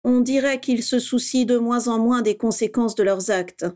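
Serene old headmaster, read by a woman, measured and peaceful, storybook reading. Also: a little high, fairly even intonation, darkish tone, voice pushed up, close to an everyday voice. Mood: calm. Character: calm elderly male headmaster, wise.

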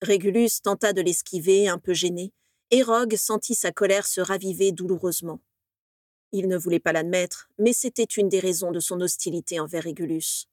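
A woman narrating a fan fiction story in a steady, even storytelling voice. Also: on the low side, moderate pace, no room sound, clean studio sound. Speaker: reader.

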